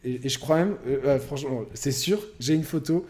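A young man co-hosting a podcast, telling a crude story in a rambling, animated way with lots of fillers. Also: medium pitch, fairly quick. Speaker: podcast co-host. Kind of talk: casual storytelling chat.

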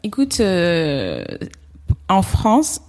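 A woman's voice: fairly low pitch, wildly swooping pitch, very slow, a little mellow. A woman from Senegal, a podcast guest, talking through her career with frequent fillers and restarts. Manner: hesitant, many fillers and restarts. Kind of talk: podcast interview.

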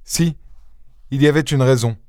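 A stern police chief, as a male narrator plays him, measured and commanding in an audiobook. His voice sits at a middle pitch. The recording is close and dry. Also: a little mellow, no echo, natural voice. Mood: firm. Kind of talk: audiobook character voice.

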